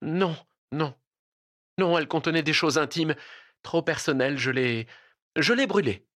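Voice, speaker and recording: A man's voice: a little high, lively intonation, unhurried, fairly bright tone, voice pushed up. A man voicing a trembling, pleading young woman. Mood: hesitant. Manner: trembling, pleading, near tears.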